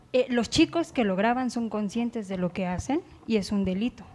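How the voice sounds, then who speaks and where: A woman's voice: a little high, a little mellow, a little hiss or hum. A woman lawyer, explaining earnestly in a talk show discussion. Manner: earnest, explanatory, acts out quoted teens. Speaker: lawyer guest.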